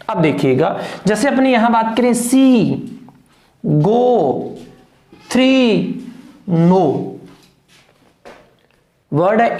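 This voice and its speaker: A teacher walks through a phonetics lesson at an unhurried, deliberate pace. They pose a question, answer it themselves, and keep checking that the class is following. The voice carries around a roomy, echoing space. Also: medium pitch, a little mellow. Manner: asks questions and answers them, checks understanding often. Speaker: English teacher. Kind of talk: classroom lesson on phonetics, mixing Hindi and English. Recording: echoey room.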